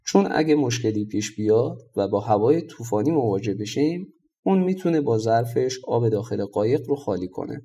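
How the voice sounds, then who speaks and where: A man's voice: medium pitch, animated, dark tone, breathy edge. A man voicing a practical male boat helmsman who talks in a matter-of-fact way. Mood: reasoning.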